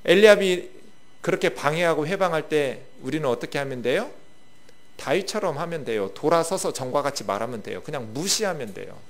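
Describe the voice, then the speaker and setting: Male pastor, high and very animated sermon voice, loud-soft contrasts, talks with the pews. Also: brisk. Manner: lively, swings between loud bursts and quiet asides, talks with the congregation.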